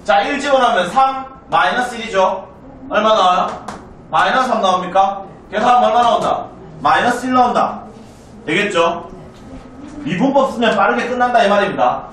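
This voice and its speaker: Guy teaching math to a class, kinda high voice, always asking "right?", sounds far off in a really echoey classroom. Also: fairly bright tone, a little hiss or hum. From South Korea. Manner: asks students frequent check questions, brisk and chatty. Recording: roomy classroom, mic far off.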